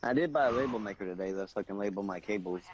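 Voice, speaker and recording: A man's voice: on the low side, very fast, dull audio. A man co-hosting a gaming podcast, telling stories in a rambling, profane way. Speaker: podcast co-host. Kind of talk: casual gaming chat.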